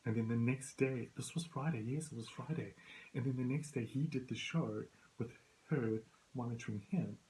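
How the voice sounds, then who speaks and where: A man hosts a casual talk show and rambles through backstage stories in a chatty, easygoing way. He often laughs at himself as he talks, and his voice sits at an ordinary middle pitch. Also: normal speed, darkish tone, rough recording. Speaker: host. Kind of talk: casual anecdotal monologue.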